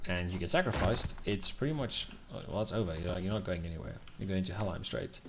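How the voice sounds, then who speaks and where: A man's voice: low-pitched, fast talker. A man commenting casually as he plays a video game. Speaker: gamer playing and commenting. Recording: clear game noise behind voice. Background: video game ambience.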